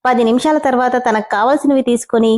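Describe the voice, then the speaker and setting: A woman reads a story aloud in an expressive, lively way, shifting into different voices for the characters. Her voice is a little higher than most women's. It has a mellow, warm tone. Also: fast. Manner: expressive, switching between voices. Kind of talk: narrating a story and voicing its characters.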